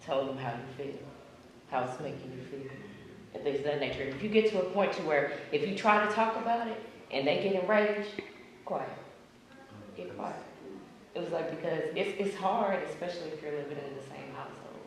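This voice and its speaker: A man with a slightly high voice gives calm, practical advice to a group. He is away from the mic in a very echoey room. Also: brisk, distant mic, a little hiss or hum. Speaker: class participant. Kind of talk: casual group discussion.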